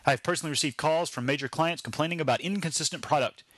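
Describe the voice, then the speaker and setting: A man's voice: a little high, rapid-fire, fairly bright tone, no room sound, voice pushed up. Man doing a grumpy bossy factory manager, barks orders, sneers. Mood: stern. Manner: barking, contemptuous. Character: gruff, bullying male factory boss.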